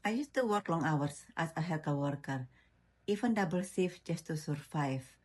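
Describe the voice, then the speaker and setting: A woman from Indonesia speaks in a fairly low voice, softly and sincerely. She delivers her testimonial in a plain, unhurried way. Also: animated. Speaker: former healthcare worker.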